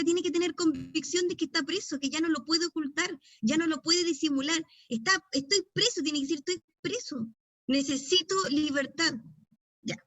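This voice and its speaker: A woman's voice: high-pitched, fairly bright tone, dry recording. A middle-aged woman pastor with a Chilean accent, teaching a deliverance session in a conversational storytelling way with frequent tag questions.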